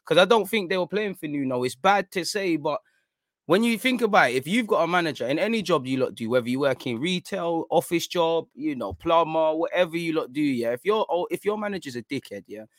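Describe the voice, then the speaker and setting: A man's voice: a little high, lively intonation, brisk, no echo. London roadman man talking football, dry close sound. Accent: London, urban street slang. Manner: slangy roadman-style talk, addressing listeners as bro and man. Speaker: football fan content creator. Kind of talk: casual football chat to an audience.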